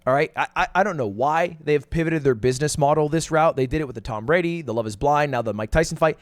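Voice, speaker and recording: A man giving animated opinion commentary in a blunt, exasperated manner, swearing often. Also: a little high, fast, no echo. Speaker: online commentator.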